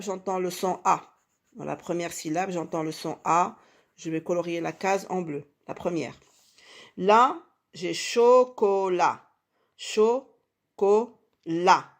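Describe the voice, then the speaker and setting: Slow, patient woman teaching syllables. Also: lowish voice, a bit bright. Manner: slow, syllable-by-syllable, emphatic on key sounds; patient, repeats words often. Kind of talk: early reading lesson for children.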